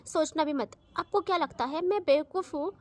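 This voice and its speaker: A woman's voice: sits high, animated, normal speed, a bit bright, dry recording. Woman voicing an indignant young woman. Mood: scolding. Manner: scolding, exasperated. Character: indignant young woman scolding her lover.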